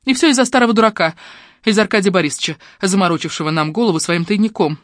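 A man doing a shrill, whiny frightened woman. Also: fast talker, fairly bright tone, no room sound, clean studio sound. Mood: bitter. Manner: high, whiny and pleading. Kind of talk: audiobook character reading.

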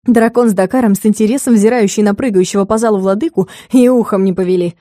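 A woman narrating a comic fantasy audiobook in a measured, expressive way. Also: medium pitch, no room sound, clean studio sound.

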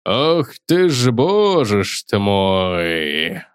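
A man voicing a gruff, seasick copilot and former navy man who wheezes out his words in a slow drawl, as an audiobook character voice. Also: on the low side, very animated, no echo, clean studio sound, voice pushed down, heavily acted.

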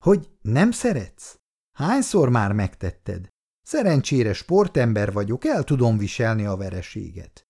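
A man's voice: on the low side, big pitch swings, dark tone, husky, heavily acted. A man voicing a cocky, sporty young fiancé who speaks in a teasing, bantering way.

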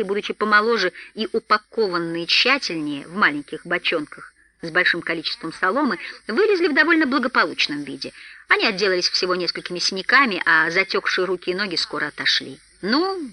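A woman reading an audiobook aloud with expressive storytelling, recorded in a studio. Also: on the low side, fast, no echo. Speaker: audiobook narrator. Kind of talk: scripted narration.

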